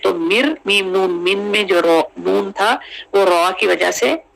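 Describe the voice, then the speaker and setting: A Quran recitation teacher giving a tajweed lesson, drilling syllables slowly and repeating each sound many times, with English teaching terms mixed in. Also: mid-range voice, gravelly, fairly bright tone, poor audio.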